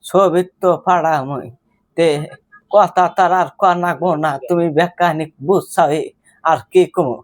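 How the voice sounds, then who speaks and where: A man prank-calls in character as an anxious village granny worried about her grandson, his tone pleading, rambling and plaintive. He speaks a little slowly in a slightly high, steady voice, only lightly acted.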